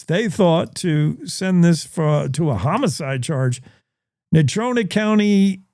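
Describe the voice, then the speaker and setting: A man's voice: fairly high pitch, warm tone, no echo, clean studio sound. A man hosting a news show, giving folksy, opinionated commentary and repeating his points.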